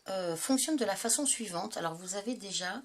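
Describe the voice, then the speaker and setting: A French woman with a stuffy head cold hosts a casual craft tutorial for her channel. Her mid-range voice is expressive and a little fast, and she talks chattily with many hesitations.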